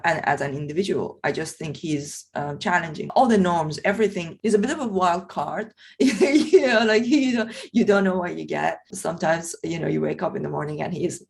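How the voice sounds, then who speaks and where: A woman's voice: on the low side, moderate pace, vocal fry, hardly any pauses. A woman, a podcast host talking earnestly and personally, thinking aloud with frequent fillers. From Iran. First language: Persian. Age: 40s. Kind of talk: reflective conversation.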